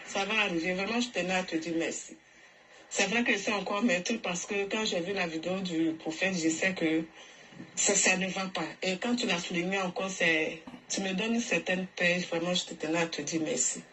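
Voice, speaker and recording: A woman's voice: on the low side, fairly even intonation, normal speed, fairly bright tone, slight background noise, rough recording. A woman calling into a live show, speaking earnestly and gratefully in long, rambling sentences. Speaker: caller. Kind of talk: phone call to a live show.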